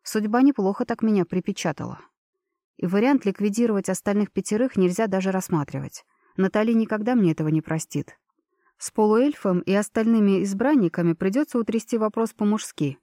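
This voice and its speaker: A woman reading a first-person novel aloud in an even, measured narration. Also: mid-range voice, no echo, clean studio sound. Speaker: audiobook narrator. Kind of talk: scripted narration.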